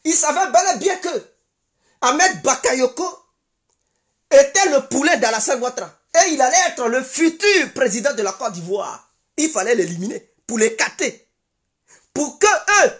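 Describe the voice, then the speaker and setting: A woman with an Ivorian French accent giving an impassioned political commentary monologue, emphatic and given to repeating insistent declarations. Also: high voice.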